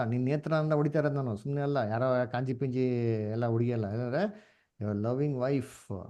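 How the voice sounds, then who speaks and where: Animated Kannada man teaching Bible class. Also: medium pitch. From India. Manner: animated, questioning, mixes English words. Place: online class.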